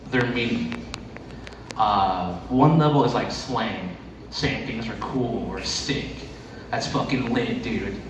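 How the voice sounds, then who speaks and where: A man performing a stand-up comedy set in a conversational, profane way. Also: medium pitch. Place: echoey room with live audience. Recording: echoey noisy room, distant mic.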